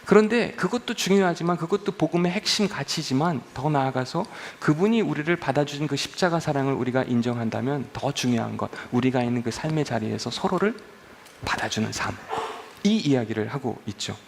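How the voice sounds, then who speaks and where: Male pastor, gravelly, conversational sermon with light humor. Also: mid-range voice, expressive, brisk, slight background noise. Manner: conversational, asks the congregation questions.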